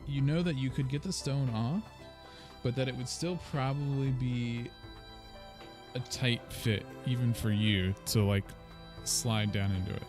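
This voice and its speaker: A man's voice: medium pitch, fairly even intonation, unhurried. A man narrating casually as game master of a tabletop role-playing game. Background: faint music.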